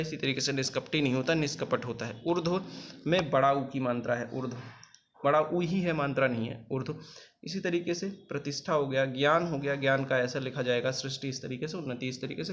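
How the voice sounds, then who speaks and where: A man's voice: mid-range voice, fairly bright tone. Patient spelling teacher, man. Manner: patient, repeats each word slowly and spells it out. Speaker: exam coaching teacher. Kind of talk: spelling lesson over written slides.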